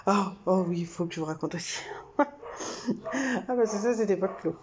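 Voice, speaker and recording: This vlogger, a young woman from France, has a lowish voice at normal speed and tells a casual story to camera. Expect lots of fillers, laughter and animated swings over dull audio with a noisy background.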